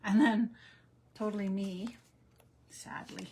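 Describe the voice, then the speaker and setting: A woman's voice: medium pitch, takes it slowly, gravelly, dark tone, slight background noise. A middle-aged woman hosting a live card-making tutorial, chatting casually and joking at herself as she works. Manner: chatty, self-deprecating, thinks aloud. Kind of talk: casual live crafting demo.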